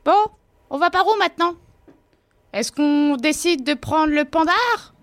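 Cheeky, very high-pitched Christmas elf. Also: female voice, expressive, unhurried, fairly bright tone, echoey room, full character voice. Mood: eager. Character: cheeky hungry little elf, Géraldine's adventure companion. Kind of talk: interactive audio adventure acting.

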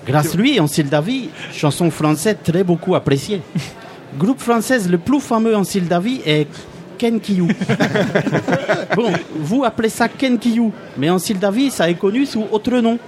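A man's voice: sits high, expressive, measured pace, darkish tone. A man voicing a cheerful, naive male refugee from a made-up Balkan country, with a put-on foreign accent and broken French grammar in a comic radio sketch. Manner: broken French, dropped verbs and articles.

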